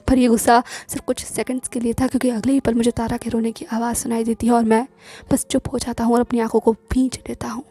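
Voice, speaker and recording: A woman narrating a romantic story in the first person in a soft, hushed, intimate way. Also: fairly high pitch, husky. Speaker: audiobook narrator. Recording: faint background music.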